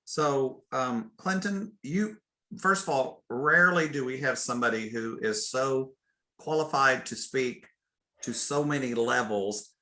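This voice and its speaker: A man hosting as a chaplain on a video call, his voice bright and forward. The audio is roomy and echoey, and he talks in an admiring, slightly halting way with frequent ums. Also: medium pitch. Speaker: host, chaplain. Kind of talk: interviewing a guest on a video call.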